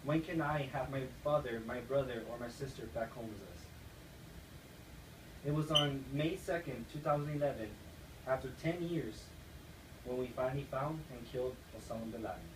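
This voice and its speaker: A man's voice: medium pitch, moderate pace. A young man from the United States giving an earnest persuasive speech, read aloud like a class assignment. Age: young adult. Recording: echoey room, distant mic, noisy.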